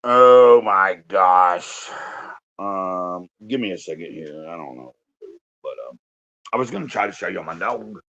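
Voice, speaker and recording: A man's voice: a little slow, a bit bright. A man chatting casually on a livestream from his bed at home, rambling loosely. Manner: rambling, talks to his dog in a high coaxing voice. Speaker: livestream host. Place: indoors, lying in bed at home. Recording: dull lo-fi livestream audio.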